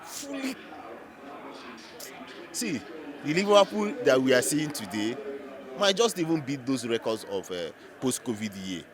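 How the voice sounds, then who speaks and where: A man's voice: medium pitch, big pitch swings, normal speed, a crowd in the background. A man with a Nigerian accent giving unscripted football reaction as a fan, emphatic and repeating phrases for effect.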